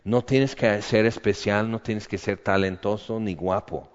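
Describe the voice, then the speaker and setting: Male pastor, sermon, quiet prayer turning to fervent cries, muffled hall recording. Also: fairly low pitch, fairly even intonation, unhurried. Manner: swings from hushed prayer to fervent shouting. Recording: dull sound with long hall reverb.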